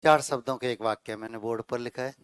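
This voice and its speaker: A middle-aged man teaching Hindi grammar to a class, explaining slowly, repeating phrases and checking in with his students. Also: mid-range voice, steady tone, clean tone, dry recording. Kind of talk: classroom lecture.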